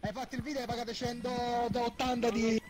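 A man with a very high voice chatting during a game with friends. He drops in quick, grumbling remarks and complaints. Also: flat delivery. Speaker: co-player. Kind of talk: casual gaming banter.

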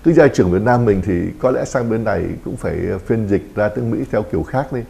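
Priest, man, rapid explanatory talk, dark mellow tone. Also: on the low side, gravelly. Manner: explanatory, acts out little quoted dialogues. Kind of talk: pastoral talk show discussion.

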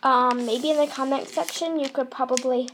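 A woman's voice: high-pitched, fairly even intonation, moderate pace, a bit bright, a little hiss or hum, low-quality recording. A young woman chatting casually to viewers in a home holiday vlog, giggly and talkative, filming on a handheld camera. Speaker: vlogger. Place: family home at Christmas.

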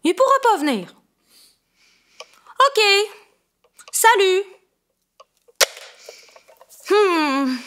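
A woman's voice: very high-pitched, very animated, drawn-out words, long pauses, fairly bright tone. A woman with a Québécois French accent, a children's entertainer talking straight to young children and openly showing her anger. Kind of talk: children's show monologue.

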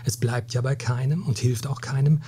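A man voicing a weary, hot-tempered Spanish captain in a read-aloud story, solemn and weighty, with a very breathy, husky voice. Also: medium pitch, fairly even intonation, moderate pace, dark tone, natural voice. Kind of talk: storybook reading.

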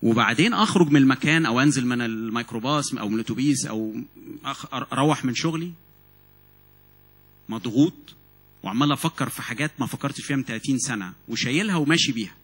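Fast, husky Egyptian preacher. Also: male voice, mid-range voice. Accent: Egyptian Arabic. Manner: animated, repeats and restarts words. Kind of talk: sermon. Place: church meeting hall.

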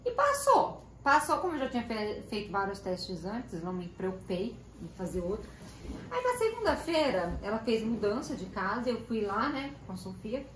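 A young Brazilian vlogger with a Brazilian Portuguese accent chats to viewers about a personal story, often correcting herself mid-sentence and quoting family members in dialogue. Her voice is a little high and sing-song at a moderate pace, captured on roomy home video with faint noise.

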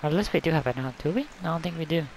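Male gamer, excitable running commentary, slightly raised pitch, faint background hiss. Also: rapid-fire, low-quality recording. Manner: excitable, talks to the game and his viewers. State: throat irritation, clearing his throat. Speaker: gameplay commentator. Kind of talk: casual let's-play commentary.

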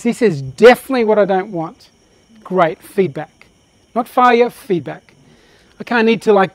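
A man's voice: sits high, a little mellow, no room sound. A man giving a live motivational presentation to an audience, talking with passion and energy. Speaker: workshop presenter.

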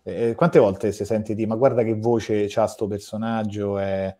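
A man's voice: fairly low pitch, fairly even intonation, measured pace, warm tone. A man interviewing a guest, chatting at length like a fan, with rambling sentences and frequent restarts. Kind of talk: casual interview chat.

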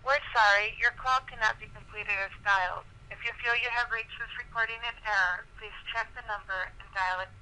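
A woman's recorded answering-machine message played over a phone call, delivered in a measured, evenly paced announcer style. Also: on the high side, steady tone, pushed and bright. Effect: automated phone system message heard over a call.

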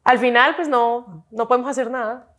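A woman in her thirties with a Colombian accent, a guest in an interview who talks frankly and chattily, often agreeing with quick repeated words. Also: a little high, a bit bright. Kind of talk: casual interview chat.

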